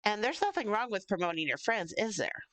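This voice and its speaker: Clear-voiced woman streamer, casual and close. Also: mid-range voice, sing-song, brisk, a bit bright, no echo. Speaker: streamer hosting an interview stream. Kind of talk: casual chat.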